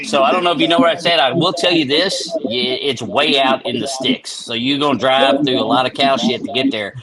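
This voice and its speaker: A middle-aged man talks over loud background chatter. He is casual and jokey, swearing freely as he chats with the group. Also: mid-range voice, a little fast, poor audio. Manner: profane, joking. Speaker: band member on a live stream.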